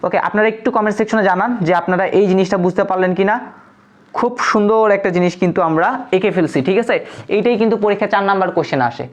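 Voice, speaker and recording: A woman's voice: medium pitch, rapid-fire. A woman teaching a live online class, patiently asking questions and answering them herself. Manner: patient, asks and answers her own questions. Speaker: online tutor. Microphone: phone. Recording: dull lo-fi stream audio.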